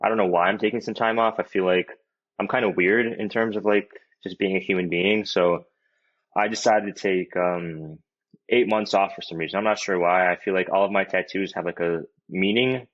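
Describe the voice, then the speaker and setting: Low-voiced, rambling young man. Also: fairly even intonation, moderate pace. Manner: laid-back, rambling, full of "like" and "you know". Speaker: guest, pro hockey player. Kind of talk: casual interview chat. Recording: dull, lo-fi audio.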